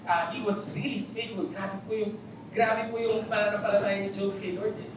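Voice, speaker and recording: A man with a Filipino accent preaches in a big, very echoey church hall. He stands well back from the mic, and a faint hum sits under his fairly high voice. He tells his stories in an animated way and keeps asking the listeners questions. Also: moderate pace, recorded from a distance. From Philippines. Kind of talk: sermon.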